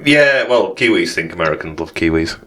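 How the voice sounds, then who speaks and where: Blunt, sweary low-voiced man. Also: expressive, brisk, bright, forceful tone, a little hiss or hum. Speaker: podcast co-host. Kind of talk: casual chat over drinks.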